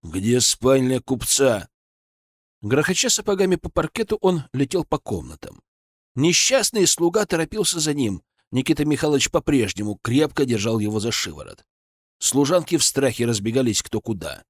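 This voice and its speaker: Lively male audiobook narrator. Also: mid-range voice, brisk, no room sound, clean studio sound. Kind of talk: scripted first-person fiction narration.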